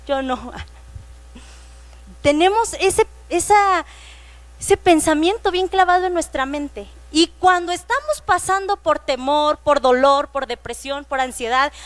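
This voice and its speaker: A woman with a Mexican Spanish accent delivers a sermon in a high voice, slowing down to read scripture with emphasis. She retells stories and briefly puts on the voices of children. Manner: reads scripture slowly and emphatically. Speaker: preacher.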